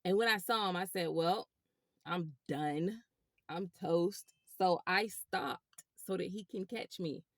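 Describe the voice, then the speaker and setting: A woman telling a rideshare story to her viewers in a casual, animated way. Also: on the low side, slow, no room sound, studio quality. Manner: animated, chatty, addresses viewers as y'all. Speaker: rideshare driver vlogger.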